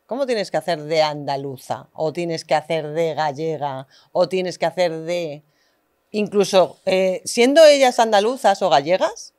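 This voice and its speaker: A woman hosting a podcast interview, talking in a hesitant, searching way with many fillers, rising in pitch when she gets animated. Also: a little slow. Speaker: podcast host.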